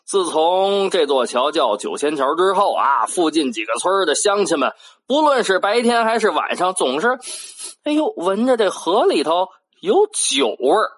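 A storyteller with a Beijing accent telling an old folk tale in a lively way, with playful asides and spoken sound effects. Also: medium pitch, moderate pace.

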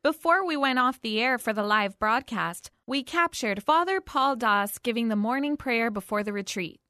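A woman's voice: a little high, expressive, moderate pace, pushed and bright, no echo, studio quality. A woman presenter reading scripted narration between recorded clips.

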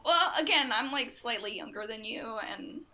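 Casting: young woman, high-pitched, raspy and hoarse as if losing her voice, talkative podcast host. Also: animated, normal speed, pushed and bright, slight background noise. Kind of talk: casual chat.

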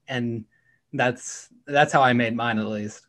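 Young male podcaster, mid-pitched, energetic casual chat. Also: takes it slowly. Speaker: podcast host.

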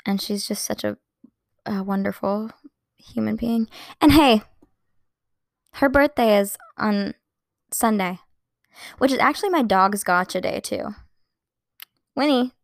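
A young woman in her twenties chatting casually to camera as a vlogger, excitable and gushing, full of "like" fillers. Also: medium pitch, gravelly, dry recording, clean studio sound. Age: 20s.

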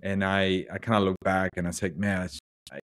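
A man's voice: deep voice, little pitch movement, normal speed. A man hosting an interview, speaking earnestly and agreeably while sharing his own story. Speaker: podcast host. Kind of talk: conversational interview.

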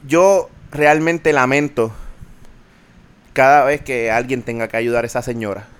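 A man's voice: medium pitch, a little slow, clean tone. Ranting young Puerto Rican man, swearing. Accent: Puerto Rican Spanish. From Puerto Rico. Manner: ranting, animated, mixes English into Spanish, swears freely. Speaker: podcast host. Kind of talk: casual podcast chat.

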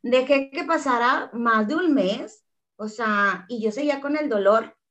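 A woman's voice: a little high, unhurried, fairly bright tone. A woman with a Mexican accent telling an interviewer a personal story in an earnest, emotional way, often acting out what others said. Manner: earnest, emotional retelling that acts out quoted dialogue. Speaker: interview guest.

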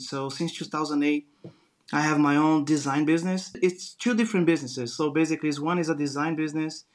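A Brazilian entrepreneur in his forties, a native Portuguese speaker, appears as an earnest guest in a casual interview conversation. He tells stories with a Brazilian accent and a slightly high voice, frequently restarting his sentences.

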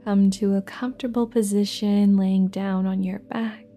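Over soft new-age music with singing bowls, a woman guides a relaxation meditation in a soft, gentle, breathy, soothing mid-range voice. Her intonation stays fairly even, and she leaves long pauses between phrases.

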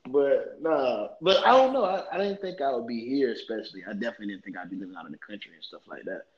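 A man's voice: medium pitch, expressive, quick pace, dull audio. A man in his twenties co-hosting a podcast, talking in a laid-back, joking way. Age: 20s. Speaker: podcast co-host. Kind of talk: casual chat.

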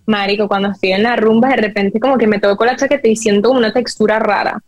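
A young woman with a Venezuelan accent, telling stories in animated casual chat with lots of slang. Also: medium pitch, quick pace, no room sound, muffled recording. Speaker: podcast co-host.

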